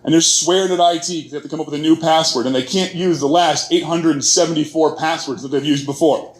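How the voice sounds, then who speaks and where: High-voiced man speaking in an echoey hall. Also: fairly even intonation, quick pace. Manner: storytelling with quoted voices and jokes, many fillers. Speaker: conference speaker. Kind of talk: conference talk. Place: conference hall.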